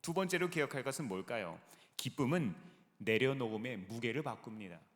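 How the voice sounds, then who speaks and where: Lively male pastor in a reverberant sanctuary. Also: medium pitch, brisk. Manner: lively preaching with rhetorical questions to the congregation. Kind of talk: sermon. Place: large church sanctuary. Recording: long reverb of a large sanctuary.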